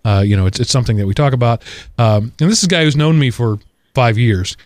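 A man's voice: medium pitch, fast talker, a little mellow, dry recording, studio quality. Rambling, wry male podcast host. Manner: rambling, full of asides and restarts; wry, self-deprecating humor. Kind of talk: casual podcast chat.

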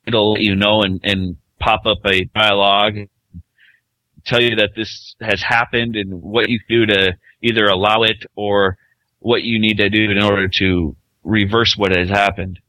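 A man co-hosting a podcast, talking casually and haltingly, his voice glitching and breaking up over a bad call connection. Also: fairly low pitch, flat delivery, bright, forceful tone, no echo, low-quality recording. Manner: rambling, halting with many fillers. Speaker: podcast co-host. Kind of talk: casual tech chat.

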